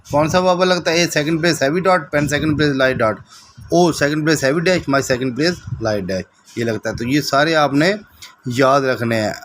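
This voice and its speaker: A man's voice: fairly high pitch, fairly quick, a bit bright, a little hiss or hum. Repetitive, drilling male shorthand teacher. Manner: explains step by step, drills by repetition, keeps checking with "okay". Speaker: shorthand instructor. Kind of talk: recorded classroom lecture.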